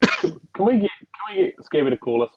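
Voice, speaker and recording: A man's voice: on the high side, sing-song, normal speed. A man co-hosting a casual podcast chat, his remote audio muffled as if he were talking through a tube. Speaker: podcast co-host.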